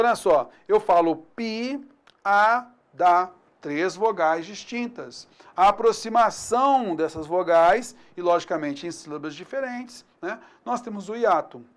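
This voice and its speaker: A man with a Brazilian accent teaching grammar in a recorded online lesson. He talks to the class in an upbeat, informal way and keeps checking in with slang. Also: sits high. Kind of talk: recorded online lesson, explaining over slides.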